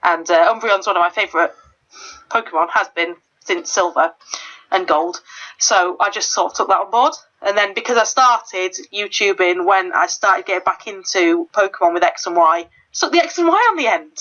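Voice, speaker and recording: Playful female co-commentator, giggly and chatty, mid-pitched, muffled lo-fi sound. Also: normal speed, fairly bright tone. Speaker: co-commentator guest. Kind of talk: casual gameplay chat. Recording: dull lo-fi recording.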